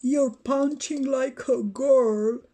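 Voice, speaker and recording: A woman voicing a boastful, gruff male superhero with a put-on low growl and taunting laughs, in toy play. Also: steady tone, drawn-out words, dark tone, exaggerated voice.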